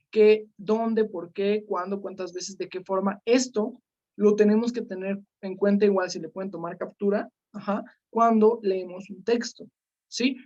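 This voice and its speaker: A woman teaching an online class, calling on students by name and filling pauses with "este" and "eh". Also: mid-range voice, darkish tone. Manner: questioning students by name, many fillers. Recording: slightly dull lo-fi sound.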